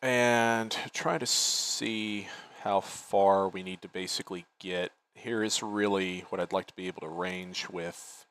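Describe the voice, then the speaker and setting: A man's voice: sits low, fairly even intonation, unhurried, hardly any pauses, a bit bright, clean tone. A man leading an online military game as commander, giving tactical briefings and talking through plans casually on a headset.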